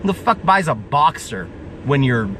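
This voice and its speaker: A profane car vlogger in his twenties from the US Pacific Northwest rants outdoors, emphatic and repetitive, laughing at his own jokes. His mid-range, fairly bright voice swings widely in pitch at a normal speed, recorded from a distance with traffic noise.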